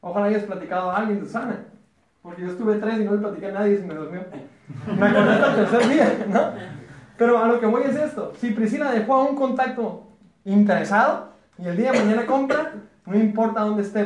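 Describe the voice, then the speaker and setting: Brief: high-voiced Mexican man presenting a business opportunity in an echoey meeting room, chatty and joking. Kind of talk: live sales presentation to a small group. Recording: roomy echo.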